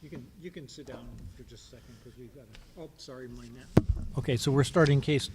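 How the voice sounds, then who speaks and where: A man's voice: mid-range voice, fairly even intonation, quick pace, background noise. A man chairing a town board meeting, speaking in an informal, hesitant way with many fillers and restarts. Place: town hall meeting room.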